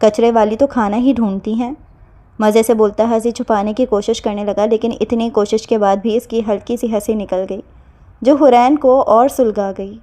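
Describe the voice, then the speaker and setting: A woman reads a romance novel aloud in a steady, expressive narration. Her voice is fairly high but warm and mellow, with a soft rather than bright edge. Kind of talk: scripted audiobook narration.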